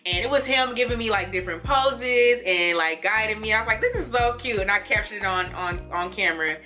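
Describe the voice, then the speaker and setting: Bright, chatty young woman vlogger. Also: medium pitch, fairly quick, soft background music. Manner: chatty and animated, laughing and doing little quoted voices. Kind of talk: casual try-on haul and storytime.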